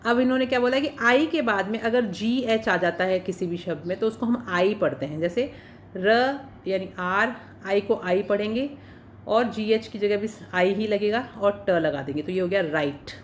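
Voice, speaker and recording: A woman's voice: medium pitch, normal speed, slight background noise. Patient woman teaching English pronunciation. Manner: patient, repeats each word then gives its meaning. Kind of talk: spoken English lesson for Hindi speakers.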